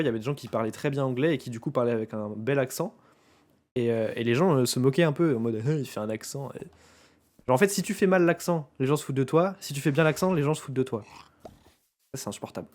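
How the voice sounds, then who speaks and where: A man's voice: medium pitch, darkish tone. A young man with a French accent, chatting casually while streaming a game and rambling with plenty of fillers. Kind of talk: casual gaming chat.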